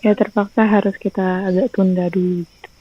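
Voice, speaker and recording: A woman's voice: mid-range voice, flat delivery, a little fast, muffled recording. A young woman, a teacher and YouTuber, chatting casually in a rambling vlog with lots of fillers, recorded on a phone. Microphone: phone rear camera.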